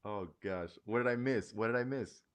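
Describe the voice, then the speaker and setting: A man's voice: on the low side, moderate pace, slight background noise. A man co-hosting a casual livestream podcast, agreeing readily and telling stories with animation. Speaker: podcast co-host.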